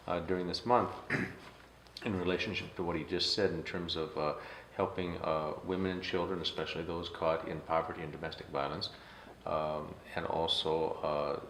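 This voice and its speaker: A man hosting a guest, talking in a measured way with filler sounds. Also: sits low, fairly even intonation, fairly bright tone. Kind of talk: casual interview chat. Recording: echoey room with faint noise.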